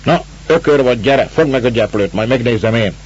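A man's voice: mid-range voice, breathy edge, pitched above the performer's own voice, lightly acted. A man voicing a blunt, impatient landowner who barks and scolds, on a dull, lo-fi recording. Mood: gruff. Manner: barking, scolding orders. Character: gruff older male landowner, impatient, blunt. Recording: dull lo-fi recording, faint hiss.

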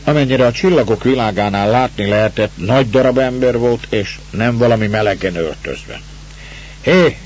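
A man reading a story aloud in a measured, calm way, on a dull, lo-fi recording. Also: medium pitch. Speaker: narrator. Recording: dull lo-fi recording, faint hiss.

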